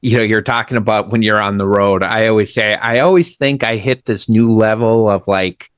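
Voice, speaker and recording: A man's voice: fairly low pitch, normal speed, fairly bright tone, smooth, dry recording, clean studio sound. A man from Minnesota hosting a podcast, chatting in an easygoing, self-deprecating way. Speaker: podcast host. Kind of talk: casual chat.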